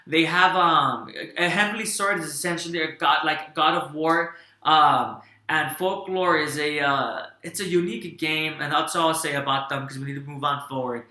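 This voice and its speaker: A man's voice: a little high, normal speed, pushed and bright, echoey room. A man giving a casual, enthusiastic video game review, rambling with fillers and restarts.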